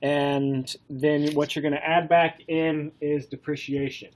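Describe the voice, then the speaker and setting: On a rough recording, a college instructor lectures while suffering from a head cold, sounding stuffy and nasal. His voice is a little higher than typical for a man, his pace loose and relaxed. He uses "um" as filler and asks the students question after question.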